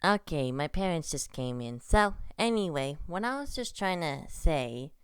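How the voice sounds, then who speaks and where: A woman's voice: low voice, big pitch swings, unhurried, smooth, no room sound, studio quality. A young woman vlogging at home, rambling casually and hesitantly with many restarts. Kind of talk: casual vlog monologue. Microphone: computer recording.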